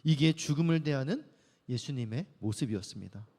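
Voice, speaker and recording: A man's voice: medium pitch, lively intonation, brisk, dark tone. A man preaching a youth sermon as pastor, talking in a conversational way and acting out the lines he quotes. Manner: conversational, acts out quoted voices. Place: church sanctuary. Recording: long church hall reverb.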